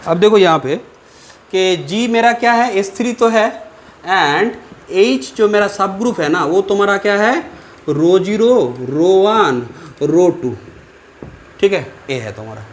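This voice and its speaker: A man's voice: high voice, animated, unhurried, slight background noise. A man lecturing on maths to students, repeating steps, putting questions to them and thinking aloud with fillers. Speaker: maths teacher. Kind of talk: whiteboard lecture.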